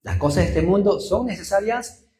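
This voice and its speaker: With a high-pitched, warm voice at a normal pace, a pastor from Peru preaches in a Peruvian Spanish accent amid reverberation. He fills the sermon with personal anecdotes, repeated phrases for emphasis, and rhetorical questions.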